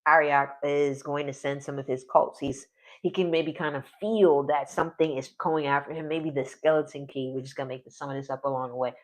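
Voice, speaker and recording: Streaming live, a forties-aged man talks through his solo tabletop game in a loose, rambling way, often leaving sentences unfinished and laughing. His voice runs somewhat high, and the recording is rough.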